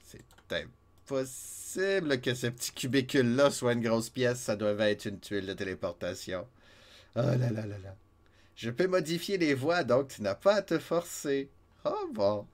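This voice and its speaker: A man's voice: medium pitch, unhurried. Chatty Québécois man streaming a game. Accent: Québécois French. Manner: chatty, self-mocking, laughs often. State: slightly stuffy from a cold. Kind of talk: casual game commentary.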